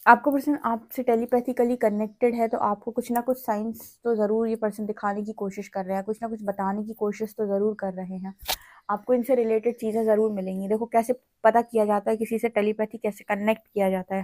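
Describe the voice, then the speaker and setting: A woman giving a spiritual tarot reading to camera, explaining gently and often checking in with "theek hai". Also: medium pitch, fairly even intonation, fairly quick. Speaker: tarot reader.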